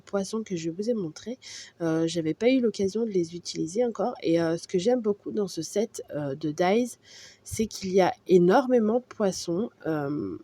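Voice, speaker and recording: Woman, very dark mellow voice, dry close sound, hesitant craft tutorial narration, lots of fillers. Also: lowish voice, husky, no echo. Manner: hesitant, many fillers and restarts. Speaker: art journal crafter.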